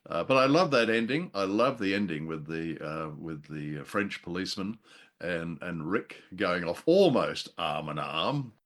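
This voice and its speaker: A podcast co-host talks casually about a classic film, musing hesitantly with a playful, self-deprecating streak. His voice is low, animated and a bit bright, at a moderate pace.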